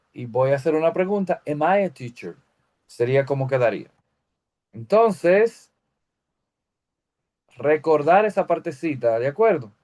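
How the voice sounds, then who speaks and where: A man explaining English grammar step by step, slowing down to read example sentences. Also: fairly high pitch, darkish tone. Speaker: English teacher. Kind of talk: recorded grammar lesson.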